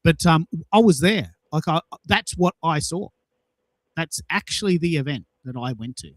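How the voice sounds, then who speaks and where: The host of a social audio show tells personal anecdotes emphatically in a casual chat, repeating himself for effect. His male voice is a little high and animated at a moderate pace, recorded dry.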